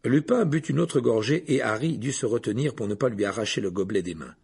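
A man narrating a story aloud in an expressive, animated way. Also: mid-range voice, brisk, vocal fry, husky. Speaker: audiobook narrator. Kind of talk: storybook reading.

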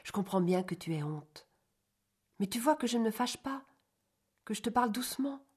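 A man reading an audiobook, voicing a gentle, patient young mistress of the house who speaks softly and coaxingly. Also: high-pitched, brisk, pitched above the performer's own voice. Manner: soft, coaxing, conciliatory. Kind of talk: audiobook character voice.

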